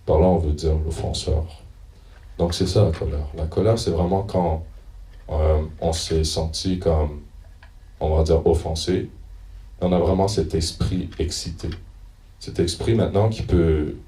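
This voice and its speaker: Male preacher, very low mellow voice, hesitant delivery, roomy echo from a distant mic. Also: steady tone, unhurried. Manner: hesitant, searching notes and reading passages aloud. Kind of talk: informal church teaching. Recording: echoey room, mic at a distance.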